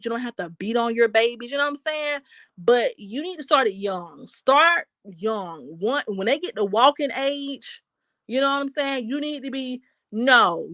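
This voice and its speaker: A woman's voice: a little high, fairly bright tone, dry recording. A woman host giving frank casual commentary on parenting and reading viewer comments aloud.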